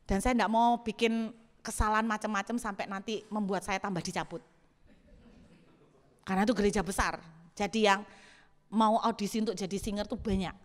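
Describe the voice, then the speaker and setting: A woman pastor, preaching a sermon as an animated story with acted-out dialogue. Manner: animated storytelling, acts out dialogue, laughs, bursts into high exclamations. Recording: long hall reverb.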